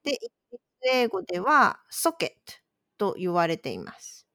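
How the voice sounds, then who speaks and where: A woman co-hosting a relaxed podcast chat, explaining things patiently and conversationally. Her pitch moves around a lot as she talks. The sound is close and dry. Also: normal speed, dry recording. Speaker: podcast co-host posing quiz words.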